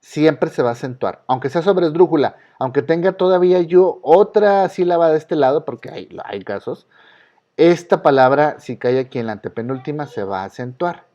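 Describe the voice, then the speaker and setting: A man's voice: on the high side, animated, normal speed, warm tone. Man, Mexican accent, teacher, patient and repetitive, dull lo-fi sound. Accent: Mexican Spanish. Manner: patient, repeats key rules, asks students questions. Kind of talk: online class lecture. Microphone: video call.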